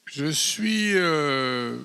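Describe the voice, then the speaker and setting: A man from French Guiana who has lived in Martinique for decades, telling a story with lively rhetorical asides at a public debate. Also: a little high, very slow, gravelly, slight background noise.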